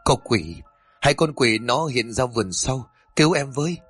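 A man's voice: medium pitch, lively intonation, moderate pace, fairly bright tone, slightly rough, dry recording, soft background music. A man voicing a terrified village boy who pants and cries out in panic. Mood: panicked.

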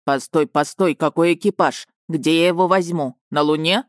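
Stern male space captain, slow and commanding, low dry voice, voiced by a woman. Audiobook. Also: no room sound, lightly acted. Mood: puzzled. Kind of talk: audiobook character reading.

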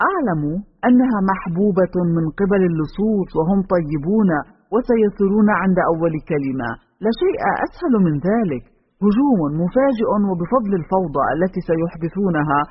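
A nervous young poet, as a male narrator puts him on, talking eagerly in a raised, husky voice. The recording is dull and echoes with a long reverb. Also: high-pitched.

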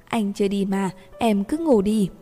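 A woman voicing a patient young man who speaks softly and coaxingly. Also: normal speed, close to an everyday voice. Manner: soft, low and patient. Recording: reverberant room with faint music.

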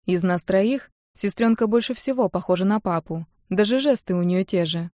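A woman's voice: mid-range voice, normal speed, warm tone, no echo, studio quality. A young woman narrating a first-person audiobook in a wry, matter-of-fact way. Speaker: audiobook reader.

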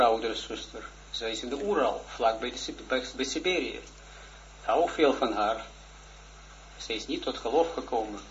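Male religious teacher, 40s, halting earnest testimony, muffled lo-fi audio. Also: mid-range voice. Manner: halting, hesitant, with many restarts; shy and earnest. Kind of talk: personal testimony in a religious lesson. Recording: dull lo-fi recording with faint noise.

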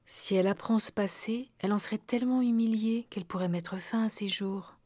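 A woman's voice: mid-range voice, steady tone, moderate pace, natural voice. A woman voicing a troubled young woman's anxious inner thoughts in an audiobook. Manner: soft, inward, anxious.

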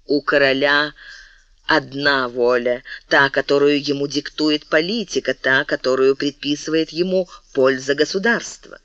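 A woman's voice: low voice, steady tone, a little slow, a bit bright, clean tone, no room sound, highs cut off. Reader voicing Maria Mancini, a passionate young woman. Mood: impassioned pleading. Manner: impassioned, pleading, rising to exclamations. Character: young woman, passionate, pleading royal sweetheart.

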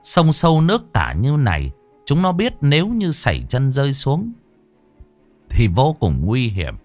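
A man narrating a ghost story in a dramatic, animated way. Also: medium pitch, measured pace, faint music behind.

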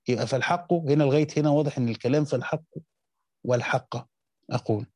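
A slightly high, darkish voice belongs to an Egyptian-accented teacher of Quranic exegesis who reads quoted commentary and then explains it in plain colloquial speech. Frequent restarts interrupt his phrases, and the recording is dry.

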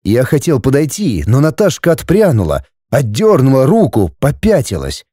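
A man's voice: mid-range voice, wildly swooping pitch, moderate pace, warm tone, no room sound, studio quality. Man reading an audiobook with drama. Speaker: audiobook narrator. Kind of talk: first-person audiobook narration.

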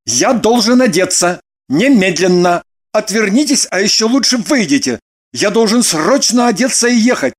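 A man's voice: high voice, expressive, normal speed. A man reading the part of a prim, self-important businessman in an audiobook, stiff and indignant.

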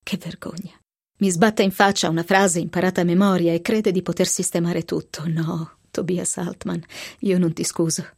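A woman voicing a grieving, bitter father in a quiet, low voice. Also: flat delivery, normal speed, vocal fry, breathy edge, dry recording, clean studio sound.

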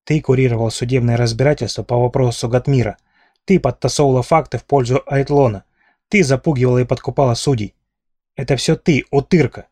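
A man's voice: medium pitch, steady tone, brisk, a little mellow, dry recording, clean studio sound, lightly acted. A man voicing a furious, menacing male lord in an audiobook, growling and accusing with hatred.

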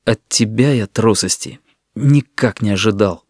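A man's voice: mid-range voice, normal speed, no room sound, clean studio sound, lightly acted. A man voicing a young leader who chairs a meeting with restraint. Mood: serious. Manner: restrained, serious.

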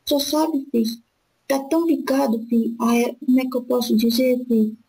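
Woman channeling an elderly spirit guide, spiritist session, husky, dark-toned, higher voice, repeats "my son", slow soothing counsel. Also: heavily acted, low-quality recording. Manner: calls the listener "my son" after nearly every phrase; slow, repetitive, soothing advice. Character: elderly wise spirit guide, gentle and fatherly.

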